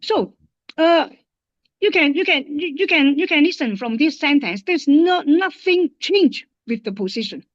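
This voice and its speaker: Halting Hong Kong-accented woman. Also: high voice, lively intonation, no room sound, dull audio. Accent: Hong Kong English. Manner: halting, many fillers and restarts. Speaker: guest linguist. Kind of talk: casual interview.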